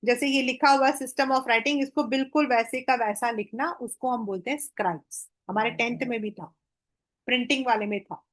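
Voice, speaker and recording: A woman's voice: high-pitched, fairly bright tone. A woman teacher with an Indian accent giving a history lesson, moving between Hindi and English and drawing out the English phrases. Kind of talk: exam-prep history lesson.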